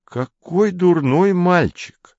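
A man's voice: mid-range voice, sing-song, unhurried, dry recording, lo-fi sound, voice pushed up. A man reading an audiobook, voicing a clever, smug teenage boy who mocks sweetly and sounds pleased with himself. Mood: smug, needling. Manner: sweetly mocking, self-satisfied.

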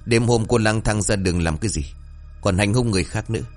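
A man doing a gruff village policeman. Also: fairly low pitch, lively intonation, a little fast, soft background music. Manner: brusque, scolding. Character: gruff rural policeman, blunt and irritable.

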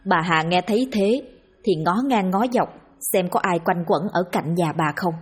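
Low husky woman narrating a horror tale. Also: normal speed, soft background music. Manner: steady, grim, dramatic. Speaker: storyteller. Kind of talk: scripted horror story narration.

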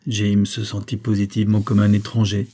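A man narrates a gothic novel in a measured, literary reading. His voice sits low and dark, with a husky edge to it. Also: monotone. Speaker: audiobook narrator. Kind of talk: scripted narration.

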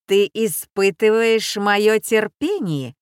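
A woman's voice: fairly low pitch, slow pace, no echo, studio quality. A woman voicing a ruthless old female bandit who leads a gang, speaking in a commanding, scornful manner.

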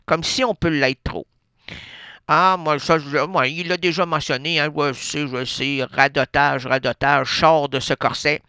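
A Québécois man riffs on air, wandering from pun to pun with little asides to himself. His voice is bright, smooth and a touch high. The studio mic sounds close and dry. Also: steady tone, a little slow, no echo. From Quebec. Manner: rambling, playful wordplay, asides to himself. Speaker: radio host. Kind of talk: improvised comic radio monologue.

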